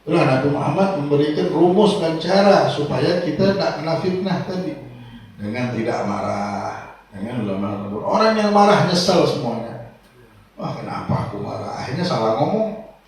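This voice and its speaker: Male preacher, slightly high voice, distant in a very reverberant hall; shifts from hushed to forceful. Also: lively intonation, moderate pace. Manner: swings from soft low asides to loud raised exhortation. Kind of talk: sermon. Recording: echoey hall, voice from far off.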